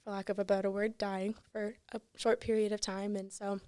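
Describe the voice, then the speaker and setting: A teenage girl on a podcast shares her personal story in a casual, earnest chat, filling it with "like" and "you know." Her mid-range voice is warm and smooth, moving little in pitch and running a touch fast. The studio recording is clean, with no echo.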